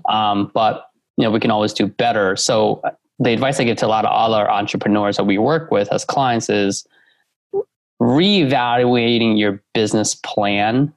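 A male entrepreneur giving business advice in a casual chat, halting, with many fillers and restarts. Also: on the low side, no room sound. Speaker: guest entrepreneur.

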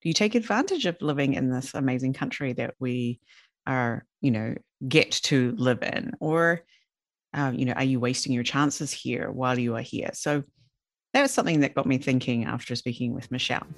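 A woman's voice: extremely low pitch, moderate pace, no room sound, studio quality. A woman hosting a podcast, chatting in an upbeat way and laughing easily as she introduces and welcomes a guest. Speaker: podcast host. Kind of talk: casual podcast talk.

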